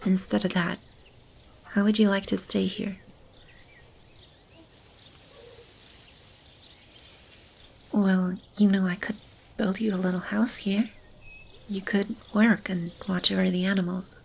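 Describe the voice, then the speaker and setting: The ASMR roleplay features a woman as a gentle, creaky-voiced demon caring for animals and a lost child, speaking softly, tenderly and reassuringly, sometimes whispering, in a careful, intimate manner. Her lightly acted mid-range voice moves little in pitch at normal speed. Slight background noise and clearly audible animal and bird ambience fill the recording.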